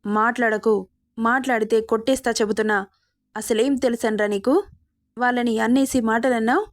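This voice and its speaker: A woman's voice: a little high, steady tone, moderate pace, no room sound, close to an everyday voice. A woman reading as a reproachful mother. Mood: scolding. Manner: reproachful, sharp. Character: upset mother scolding her grown son.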